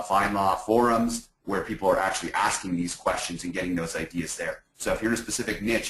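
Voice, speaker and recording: A man's voice: low voice, fairly bright tone, echoey room, rough recording. A man speaking as a panelist on a video call, chatty and casual. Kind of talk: casual expert discussion.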